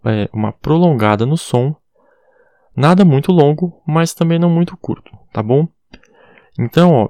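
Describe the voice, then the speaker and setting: Creaky-voiced man teaching English. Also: mid-range voice, mellow, no room sound, clean studio sound. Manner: spells words letter by letter, says "tá bom?" often. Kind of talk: casual recorded audio lesson.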